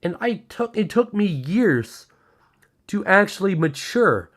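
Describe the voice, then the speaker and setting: A man's voice: high-pitched, sing-song, takes it slowly. A man about to turn twenty-one, a streamer giving an earnest, repetitive personal monologue with plenty of swearing and emphatic repeats. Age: 20s.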